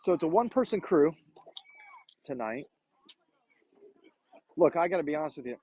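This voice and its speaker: A man's voice: fairly high pitch, very animated, normal speed. A man calling a youth baseball game from beside the field in a chatty, easygoing way. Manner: chatty, laughs often. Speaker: play-by-play announcer. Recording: muffled lo-fi stream audio.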